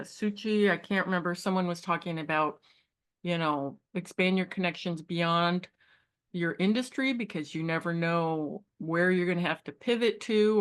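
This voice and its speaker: A woman guest in casual chat, speaking in a thoughtful, measured way with many restarts. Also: lowish voice.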